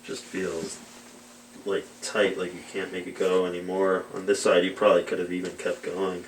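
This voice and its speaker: A male patient with a very low voice answers questions quietly and hesitantly in a treatment room. The room sounds echoey, and a faint hiss sits beneath him. He often pauses to find the right words. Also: flat delivery, recorded from a distance.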